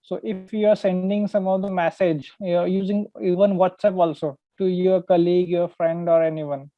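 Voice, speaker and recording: A man's voice: high voice, flat delivery, moderate pace, no room sound. Thin, dry phone-like audio carries an Indian-accented man giving an online lesson. He explains step by step as a trainer, often restating his phrases. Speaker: database trainer. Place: online call with screen sharing.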